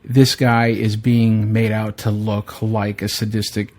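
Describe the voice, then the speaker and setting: A man's voice: lowish voice, flat delivery, a little slow, darkish tone. A man hosting a podcast, chatting in a blunt, opinionated way, swearing freely and often restarting his sentences. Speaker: podcast host. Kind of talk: casual chat.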